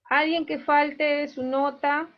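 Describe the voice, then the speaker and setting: A woman's voice: high voice, little pitch movement, takes it slowly, highs cut off. A woman teaching an online class, going through her students' grades one by one and explaining each mark in a plain, matter-of-fact way.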